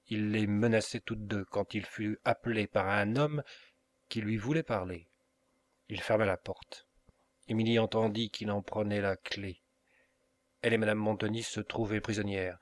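A man narrating a novel as an audiobook reader, measured and unhurried with pauses. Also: fairly low pitch, steady tone.

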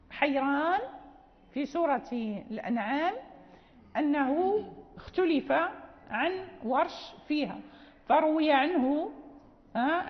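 A woman lectures on recitation rules in a high, clear-pitched voice and stops often on fillers. She slows down when she recites verse quotations. The audio is dull and lo-fi, with a long hall reverb trailing each phrase. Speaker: teacher of Quran readings and tajweed.

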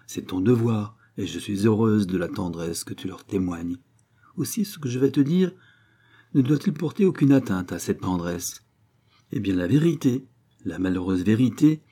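A man's voice: medium pitch, warm tone, natural voice. A man voicing a stern, wealthy elderly aunt who speaks in a firm, authoritative way, in an audiobook.

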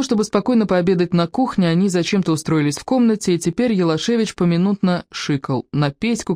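A woman narrating a novel as an audiobook reader, in a measured storytelling manner. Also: lowish voice, warm tone, no echo, clean studio sound. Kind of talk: scripted narration.

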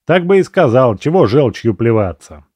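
A biting, sarcastic young prisoner snapping back at his cellmate, as a male narrator plays him. His retorts jump well above the reading voice and come out loud, yet stay dark in colour and dry, with no room around them. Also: medium pitch, very animated, normal speed, breathy edge, no echo.

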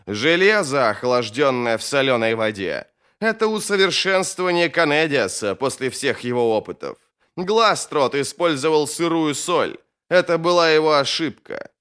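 A man's voice: fairly high pitch, animated, moderate pace, fairly bright tone, clear, resonant tone. A man reading an audiobook, voicing a ruthless, scornful old wizard with emphatic, raised delivery.

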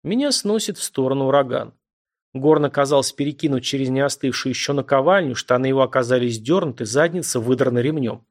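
A man narrating a first-person audiobook in a vivid, expressive reading style. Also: mid-range voice, fast talker.

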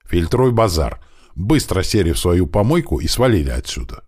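A man's voice: low voice, sing-song, moderate pace, breathy edge, pitched above the performer's own voice, exaggerated voice. A man voicing a bold, fierce young woman who handles pistols, reading her lines in a raised voice. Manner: sharp, threatening then tender.

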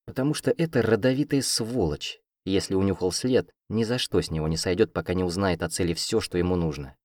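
A man voicing a friendly, gossipy young woman student in an audiobook, speaking in a soft conspiratorial way. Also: low-pitched, fairly quick, no echo, clean studio sound, close to an everyday voice. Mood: gossiping.

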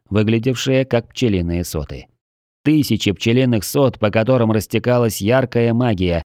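A man reading a fantasy audiobook aloud in a measured storytelling manner, close to the mic. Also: on the low side, mellow, no room sound. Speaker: audiobook narrator. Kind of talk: scripted narration.

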